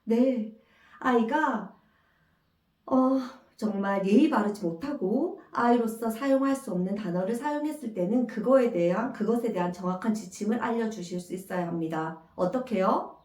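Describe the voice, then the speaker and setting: Animated woman lecturing in an echoey room. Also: on the high side, normal speed. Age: middle-aged. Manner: expressive, acts out parent and child lines in a raised voice. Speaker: parenting educator. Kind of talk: parenting lecture. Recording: echoey room, mic at a distance.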